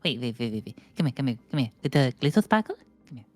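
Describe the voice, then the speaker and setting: A woman playing a tabletop game in casual in-character banter, halting and repeating words as she improvises. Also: very deep voice, big pitch swings, darkish tone, faint music behind.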